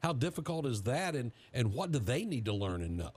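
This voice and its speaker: A man hosting a radio panel discussion, asking questions in a measured, deliberate way. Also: mid-range voice, big pitch swings, darkish tone, slightly rough. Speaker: talk show host.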